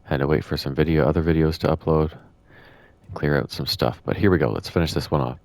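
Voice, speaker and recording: A man's voice: a bass voice, steady tone, a little fast, darkish tone, no room sound. A man giving casual gameplay commentary as he introduces his session. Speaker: gameplay streamer.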